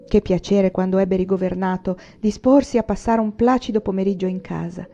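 A woman reading a novel aloud in a steady, even storytelling manner, in a dull lo-fi recording. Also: on the low side. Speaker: audiobook reader.

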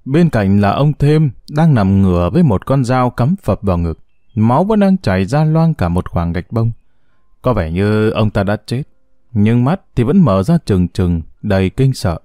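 A man reads a dramatic story with a dark, mellow voice. His pitch rises and falls in lively swings. The recording is dry and close. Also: normal speed, dry recording. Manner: expressive, dramatic reading.

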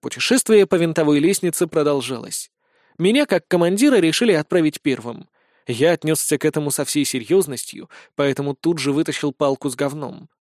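A man narrating a comic fantasy audiobook with lively, brisk storytelling. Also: a little high, no room sound, studio quality.

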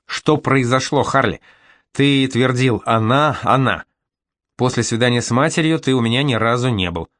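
A man reading an audiobook and voicing a calm female therapist who questions gently but insistently. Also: mid-range voice, normal speed, no echo, lightly acted. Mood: gently probing. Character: calm, probing female therapist, middle-aged.

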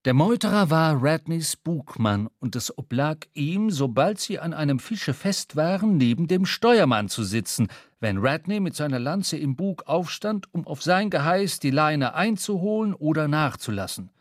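A man narrating a literary sea story in a measured, storytelling delivery, recorded in a studio. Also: fairly high pitch, sing-song, no echo. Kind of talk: scripted literary reading.

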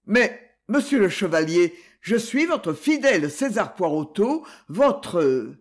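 A man's voice: sits high, sing-song, slow, full character voice. A man voicing a fussy, penny-pinching creditor who frets and mutters to himself. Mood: alarmed.

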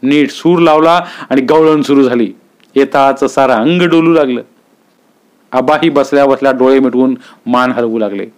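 A man reading a village story aloud in a steady, unhurried storybook manner. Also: mid-range voice.

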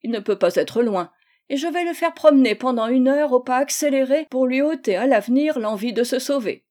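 A woman's voice: a little high, normal speed, a little mellow, natural voice. A woman reading the part of a bossy, teasing baroness in her forties in a storybook reading. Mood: gleeful, scolding. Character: bossy jolly 46-year-old baroness.

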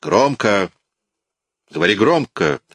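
A man reading an audiobook and voicing a harsh, domineering police inspector who shouts orders with contempt. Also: lowish voice, lively intonation, normal speed, husky, no echo, voice pushed up. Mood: barking.

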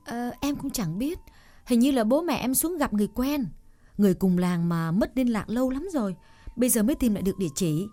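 A woman voicing a shy young village woman in love, speaking softly and hesitantly with stammers in an audiobook drama reading. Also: fairly high pitch, animated, brisk, close to an everyday voice.

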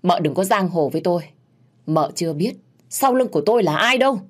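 A woman voicing a bold young servant woman who answers with quick, cutting retorts. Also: lowish voice, expressive, a little mellow, husky.

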